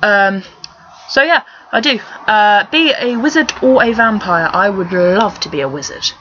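Her voice is mid-range, animated and fairly bright, a little slow, with slight background noise. She's a young vlogger from Surrey with a posh Home Counties accent, casually working through accent challenge questions in a rambling, sweary, wry manner, filmed in a small bedroom on a laptop webcam at desk distance that sounds dull and lo-fi.

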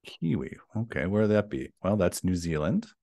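Chatty male English teacher, lively voice. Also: low-pitched, normal speed, gravelly, no room sound, studio quality. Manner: chatty and encouraging, models sentences aloud. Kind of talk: online class lecture.

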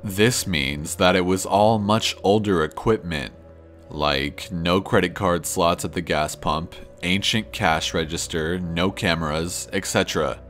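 A man narrating true scary stories in a slow, measured storytelling manner. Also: sits low. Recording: faint music under the voice.

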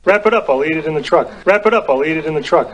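A man's voice: on the high side, animated, very slow, fairly bright tone, exaggerated voice. An actor with an American accent playing an oblivious, easygoing handyman in a TV drama scene, talking in an offhand, clueless way.

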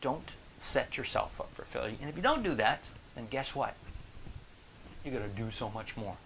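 A man in his forties, a motivational speaker, talking straight to the camera in an animated, joking way, recorded on a lapel mic in a small room. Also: mid-range voice, normal speed, gravelly, a little hiss or hum, low-quality recording. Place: small indoor room with a screen behind.

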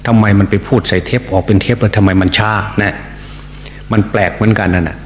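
An older monk with a Northeastern Thai accent preaches in a very low voice, unhurried and deliberate, often pausing and repeating his words. The sound is roomy, with a long reverb trailing off each phrase. A faint hum sits underneath. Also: fairly even intonation. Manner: slow, deliberate speech with repeated words and many pauses; frequent hesitation fillers. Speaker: Buddhist monk giving a sermon. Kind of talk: sermon. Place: temple hall. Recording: echoey hall recording with faint hum.

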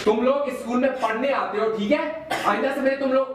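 A harsh, mocking teacher, as a man plays him in a comedy sketch, barking orders at the class. The voice is fairly high, and it echoes in a room from a bit off the mic. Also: brisk, recorded from a distance, heavy background noise. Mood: bossy. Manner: bossy, mocking, barked commands. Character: harsh, mocking male schoolteacher.

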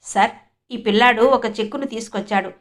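A woman's voice: a little high, fairly quick, close to an everyday voice. A woman voicing an arrogant, suspicious male bank manager in a storybook reading, speaking in a demanding tone. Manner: demanding, accusing.

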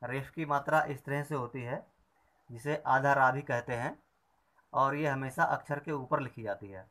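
A man teaching Hindi reading, pronouncing each word clearly and deliberately, one at a time, like a classroom drill. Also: mid-range voice, bright, forceful tone. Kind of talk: slow classroom reading lesson.

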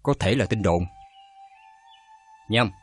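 A middle-aged actor with a Southern Vietnamese accent playing an uncle who counsels his niece calmly and firmly. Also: on the low side, husky, soft background music. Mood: stern calm. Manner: calm, measured counsel. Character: calm, stern village uncle.

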